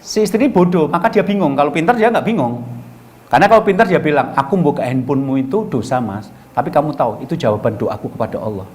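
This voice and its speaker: A man's voice: on the high side, animated, quick pace, a little mellow. A middle-aged man giving a colloquial storytelling sermon as a preacher, acting out both sides of the dialogues he recounts.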